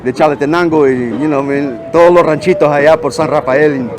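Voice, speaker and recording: A man's voice: fairly high pitch, fairly even intonation, fast, over music. A man interviewing a stranger on the street in casual talk, pressing with questions and dropping in Spanish phrases.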